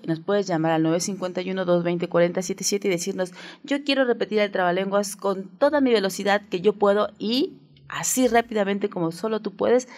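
A woman's voice: on the low side, a little mellow. Playful Mexican woman hosting kids' radio. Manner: playful, coaxing, keeps asking listeners "right?". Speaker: children's radio show host. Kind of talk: friendly radio talk for children.

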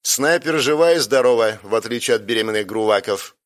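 A man voicing a sharp-tongued young woman sniper who talks in a mocking, sarcastic way. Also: medium pitch, expressive, a little fast, big-room sound, lightly acted.

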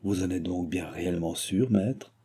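A young disciple in an audiobook, speaking low and soft to soothe his old master, as a man reads him. The voice is deep, dark and husky. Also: moderate pace. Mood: soothing. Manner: low, quiet, deferential.

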